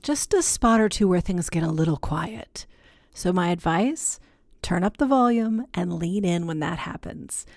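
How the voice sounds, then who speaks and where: A woman's voice: mid-range voice, gravelly, no room sound. Female podcast host, conversational interviewer, dry close mic.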